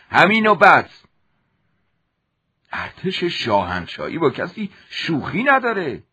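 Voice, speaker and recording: Harsh army commander, loud and domineering, husky raised voice; a man acts him out. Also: mid-range voice. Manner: barking, authoritative. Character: angry army garrison commander, stern middle-aged man.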